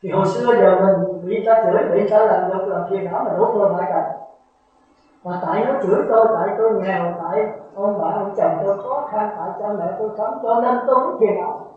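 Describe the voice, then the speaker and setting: A man's voice: sits high, a little fast. A man, a Buddhist monk giving a dharma talk who keeps checking that his listeners follow. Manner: lecturing, repeats rhetorical checks to listeners. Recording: heavily echoey, tinny phone-like sound.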